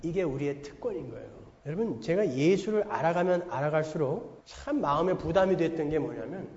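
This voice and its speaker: A man's voice: a little high, expressive, fairly quick, darkish tone. A middle-aged male pastor preaching a sermon in a church, emphatic and posing rhetorical questions to the congregation. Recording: long hall reverb, dull lo-fi sound.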